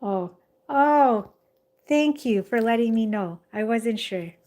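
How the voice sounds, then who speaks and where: A young Jamaican woman hosts a casual live stream on a phone held in her hand, chatting ramblingly with viewers, reading their comments, and often saying "like" and "you know." Her voice is on the high side, mellow, and slow, with lively intonation.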